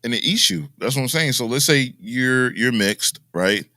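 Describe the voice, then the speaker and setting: A man's voice: mid-range voice, animated, moderate pace, bright, forceful tone, no echo. An American man co-hosting a podcast, talking in a casual, rambling and reflective way that sometimes drops to a mumble. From United States. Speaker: podcast co-host. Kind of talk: casual chat.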